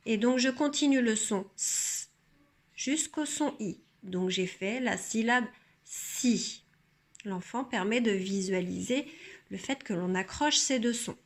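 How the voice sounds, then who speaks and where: A woman teacher calmly explaining a reading method, sounding out syllables slowly and carefully. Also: a little high. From France. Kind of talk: instructional demonstration.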